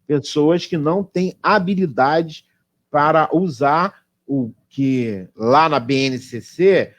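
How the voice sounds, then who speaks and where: A man with a fairly high voice and a Brazilian Portuguese accent leads an online exam-prep lesson. He explains each answer step by step, posing questions and answering them himself. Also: takes it slowly. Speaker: teacher.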